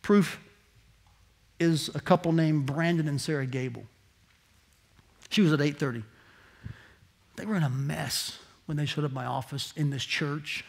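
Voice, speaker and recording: A male pastor preaching a direct sermon in a church, moving between quiet asides and shouted emphasis. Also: a little high, fairly even intonation, a little slow, vocal fry, pauses often. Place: church sanctuary.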